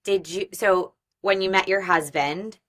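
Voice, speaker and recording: A woman's voice: mid-range voice, steady tone, measured pace, fairly bright tone. A woman hosting a marketing interview podcast, asking long, rambling questions full of "you know". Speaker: podcast host. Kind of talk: casual interview chat.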